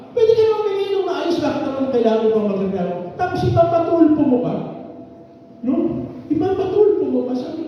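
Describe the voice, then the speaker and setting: High-voiced preacher in an echoing hall. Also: male voice, slight background noise. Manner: emphatic, swings between loud and soft, mixes English. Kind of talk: sermon. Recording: echoey hall from far off, muffled.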